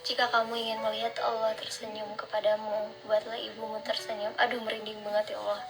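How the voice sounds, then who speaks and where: A woman's voice: mid-range voice, monotone, fast talker. Young woman with slurred r's, over music. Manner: slurred r sounds, close to w; earnest, gently encouraging. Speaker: vlogger. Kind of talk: casual motivational religious chat, reading out quotes and reacting. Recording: instrumental music behind the voice. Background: instrumental music.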